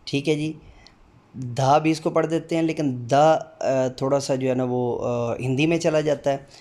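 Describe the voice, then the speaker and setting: A middle-aged man teaching a lesson on the alphabet, stopping often with fillers and then calling out letters one by one in a drawn-out way. His pitch sits in the middle of the male range. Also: steady tone, a little mellow. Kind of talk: teaching the Urdu alphabet aloud.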